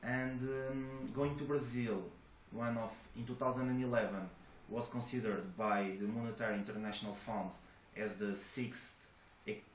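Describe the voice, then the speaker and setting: This young job applicant from Portugal, a native Portuguese speaker, talks in accented English at normal speed with few pauses. His voice is medium-pitched and fairly even, yet his answers are hesitant, full of restarts and fillers. Faint noise and echo fill the room.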